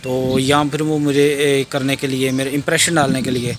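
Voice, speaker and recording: A man's voice: mid-range voice, flat delivery, moderate pace. A young man from Pakistan, telling a travel story in a casual, rambling way full of fillers and restarts. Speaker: vlogger. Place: outdoors at a roadside border crossing. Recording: noisy outdoor ambience with birds and traffic.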